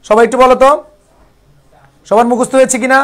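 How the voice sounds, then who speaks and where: A man's voice: very high voice, flat delivery, fairly quick. A Bangladeshi man teaching English vocabulary in a live online class, coaxing students as brothers and drilling words over and over. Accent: Bangladeshi Bengali.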